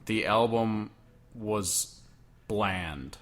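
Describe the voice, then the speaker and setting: On a laid-back podcast, a young co-host talks loosely, padding his points with many "like" fillers. His lowish voice is a bit bright and extremely slow.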